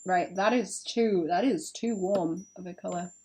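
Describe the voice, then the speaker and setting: A woman's voice: fairly low pitch, measured pace, darkish tone, slight background noise. Chatty woman thinking aloud. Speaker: illustrator streaming live. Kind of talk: casual live-stream chat while drawing.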